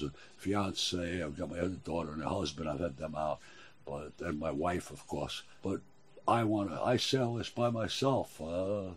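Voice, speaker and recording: A man in his sixties talks casually in a small boat cabin. His voice is low and husky, and he speaks in a gruff, wry way with halting phrases. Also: a little mellow. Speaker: boat builder and owner being interviewed. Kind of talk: casual chat. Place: small wooden sailboat cabin.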